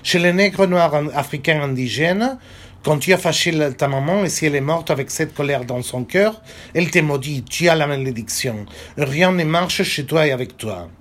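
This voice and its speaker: A man's voice: fairly high pitch, moderate pace, fairly bright tone. A man reading aloud as an insolent boy child soldier of about ten, telling his story bluntly with swearing and numbered points. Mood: defiant.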